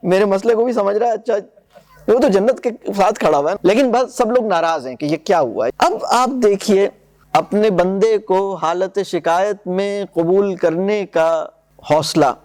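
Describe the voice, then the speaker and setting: Man, high voice, poetry lecture, eager explaining, slow recited verses. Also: a little mellow.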